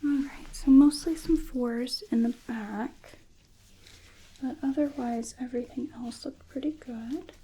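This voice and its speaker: A woman whispering softly in an ASMR roleplay as a dental hygienist, slow and reassuring, often checking in with a gentle "okay?", close to the mic. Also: high voice, slightly rough, rough recording. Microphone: close sensitive mic.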